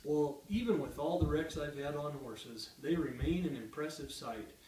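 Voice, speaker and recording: A man's voice: fairly high pitch, moderate pace. A man in his thirties with a Western American accent and a folksy cowboy twang, reciting rhyming cowboy poetry in a dramatic storytelling way. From Utah, United States. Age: 30s. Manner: animated, dramatic delivery. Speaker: cowboy poet. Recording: echoey room, distant microphone.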